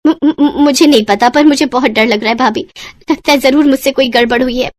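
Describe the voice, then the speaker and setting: Lady voicing a shy scared cartoon schoolgirl, stammers a lot, kinda high. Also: fairly quick, no echo, natural voice. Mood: timid. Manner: hesitant, stammering. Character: timid overworked teenage schoolgirl.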